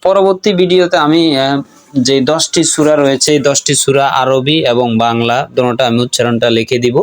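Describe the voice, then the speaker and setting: A man teaching prayer recitation, reciting slowly and drawing out each phrase, then explaining in quicker talk. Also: mid-range voice, fairly even intonation, no echo. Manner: slow drawn-out recitation alternating with quick explanation. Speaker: religious teacher.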